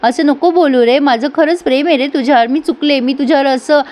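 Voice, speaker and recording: A woman's voice: sits high, brisk, a little mellow, lightly acted. A woman voicing an emotional young wife who pleads and snaps, as she retells a TV serial episode.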